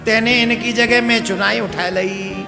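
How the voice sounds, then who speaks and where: Sobbing village wife, drawn-out lament, put on by a male storyteller; slow, faint music under it. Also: sits high, steady tone, vocal fry. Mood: wailing. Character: wailing grief-stricken village wife. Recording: reverberant hall with faint music.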